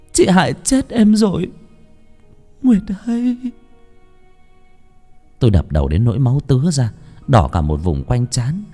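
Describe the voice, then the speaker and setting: A man narrating a horror story as an audiobook in an expressive, varied delivery. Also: lowish voice. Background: faint music.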